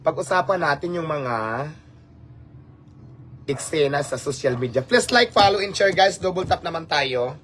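A man's voice: on the high side, measured pace, pauses often, a bit bright, a little hiss or hum. A man from the Philippines with a Filipino accent, talking casually to his live-stream viewers, exasperated and rhetorical, dropping English phrases into his speech. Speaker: livestream host.

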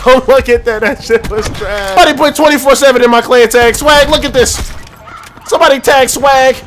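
A young man giving excitable, trash-talking commentary over his own gameplay, often laughing. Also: very high voice, fairly quick, a little hiss or hum. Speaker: gaming YouTuber. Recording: faint game gunfire behind. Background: gunfire.

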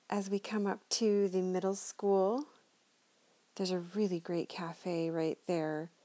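A woman's voice: mid-range voice, a little mellow. Upbeat woman narrating a driving tour. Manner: upbeat, chatty, enthusiastic. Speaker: local real estate tour guide. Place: inside a moving car.

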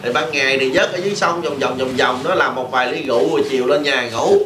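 A man's voice: mid-range voice, fast, crowd noise. Chatty man host, echoey room. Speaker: vlog host. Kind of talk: casual chat. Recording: roomy, noisy phone video.

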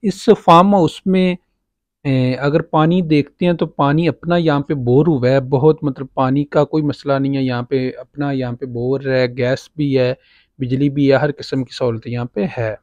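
A property agent with a Pakistani Urdu accent walks a farm property outdoors, giving a casual, filler-laden farmhouse tour and pointing things out. His voice is medium-pitched, steady, darkish and moderately paced. The audio is dull, with no room sound.

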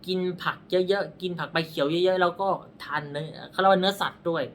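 A man's voice: high voice, steady tone, quick pace, fairly bright tone, a little hiss or hum. A man reading palms, explaining in a blunt, rambling way, correcting himself as he goes and pointing at his own hand, with a dry throat. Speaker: palm reader. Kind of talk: casual explanatory talk.

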